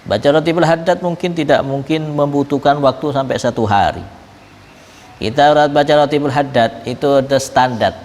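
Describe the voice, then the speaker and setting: A man's voice: medium pitch, moderate pace, darkish tone. A man giving a Ramadan religious lesson, telling a story in a conversational way and mixing in Arabic-derived pronouns. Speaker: religious teacher. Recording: reverberant hall.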